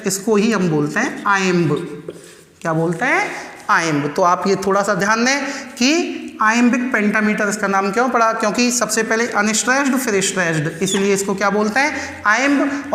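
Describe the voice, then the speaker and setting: A man teaching an exam-prep class, his voice bright and forceful. He keeps firing rhetorical questions at his students and answers them himself, counting things out slowly and with emphasis. The sound rings around a reverberant room. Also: sits high. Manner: slow, emphatic counting and spelling out terms.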